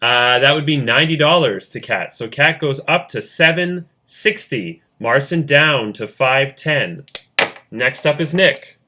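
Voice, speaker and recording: A man's voice: mid-range voice, lively intonation, a little slow, pushed and bright. A man hosting a fan-made game, calling rolls and moves in casual play-by-play narration with jokey asides. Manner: chatty, jokey asides, laughs often. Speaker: host running a fan game.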